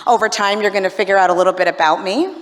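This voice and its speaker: A Canadian woman emcees a live business event, speaking very fast into a handheld stage microphone as she playfully draws in the audience. Her mid-range voice echoes around a large, reverberant conference hall.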